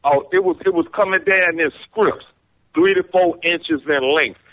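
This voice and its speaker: Man, caller, glitchy breaking-up phone audio, bright tense voice. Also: a little high, a little slow. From Richmond, Virginia. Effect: breaking-up, glitchy phone-call audio.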